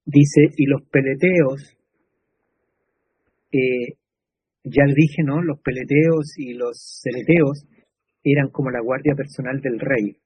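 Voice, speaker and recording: Chilean guy preaching, very husky voice, dry sound, talks to the flock casually. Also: medium pitch, fairly even intonation, slow, long pauses, a little mellow, no echo, rough recording. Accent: Chilean Spanish. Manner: conversational preaching with fillers and tag questions. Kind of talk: sermon.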